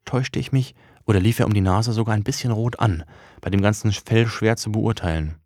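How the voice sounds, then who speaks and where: Low-voiced man, dry wry storytelling. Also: a little fast, a little mellow, no room sound. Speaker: audiobook narrator. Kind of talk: first-person audiobook reading.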